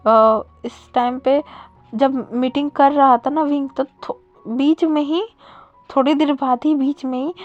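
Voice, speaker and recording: High-voiced woman casually retelling a story. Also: highs cut off. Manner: chatty, with fillers and self-corrections.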